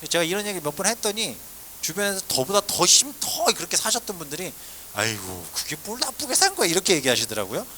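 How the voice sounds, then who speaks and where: Preaching a sermon, this man recounts his own testimony, alternating between booming exclamations and quiet asides. He is a South Korean pastor likely in his forties, speaking quickly with a high-sitting voice and wide pitch swings over slight background noise.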